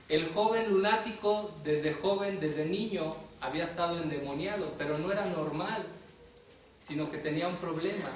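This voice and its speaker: A man with a fairly high voice preaches a sermon, putting rhetorical questions to his listeners and restarting words as he builds his points. He sounds distant from the mic in a very echoey room, with dull sound and faint ambience behind him. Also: a little hiss or hum.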